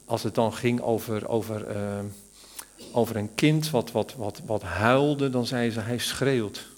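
A man teaching from the Bible in a sermon, thoughtful and searching for words, rising to stress key words. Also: mid-range voice.

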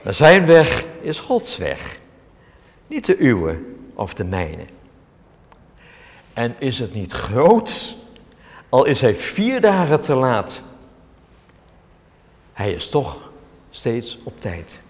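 Male preacher, slow and deliberate, very animated pitch, big echoing hall. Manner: dramatic, emphatic preaching with large swings in pitch and loudness. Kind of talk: sermon. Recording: long hall reverb.

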